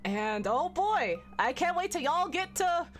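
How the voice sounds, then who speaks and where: A woman's voice: very high voice, sing-song, measured pace. A giggly, exclamatory woman chatting casually as she streams a video game. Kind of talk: casual livestream chat and game commentary. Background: game music.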